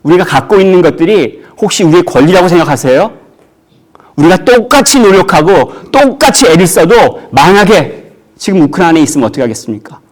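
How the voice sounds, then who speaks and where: A man's voice: sits high, sing-song, brisk. Male pastor preaching with rising outbursts. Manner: rhetorical questions, voice jumping up when acting out quotes. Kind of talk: sermon. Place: church.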